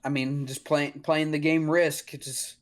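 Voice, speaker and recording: A man's voice: fairly high pitch, flat delivery, unhurried. A young man co-hosting a podcast, chatting casually in an informal, slangy and somewhat hesitant way. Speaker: podcast co-host. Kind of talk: casual chat.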